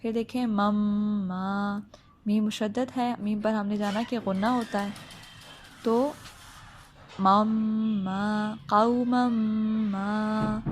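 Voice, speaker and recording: Female tajweed teacher, mid-pitched, patient and methodical, checks the listener often, light background noise. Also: a little mellow. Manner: slow drawn-out recitation, then plain step-by-step explaining. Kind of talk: Quran recitation lesson.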